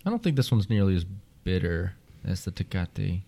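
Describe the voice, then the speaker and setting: Brief: male co-host, deep voice, loose joking banter about beer. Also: sing-song, normal speed, gravelly, dark tone. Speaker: podcast co-host. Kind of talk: casual beer-tasting chat.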